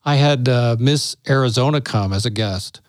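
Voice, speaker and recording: A middle-aged male pastor chatting as a guest, lively and quick to laugh, slipping into the voices of people in his anecdotes. His voice sits at an ordinary pitch. The recording is close and dry, with no room sound. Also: no echo. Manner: animated, acts out quoted dialogue, laughs often. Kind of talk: casual storytelling conversation.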